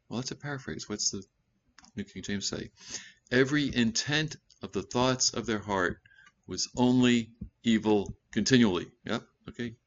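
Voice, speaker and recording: A male pastor giving a conversational sermon, breaking into loud emphatic bursts and correcting himself as he goes. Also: mid-range voice, dull audio. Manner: animated preaching with sudden loud emphatic bursts; conversational asides and self-corrections.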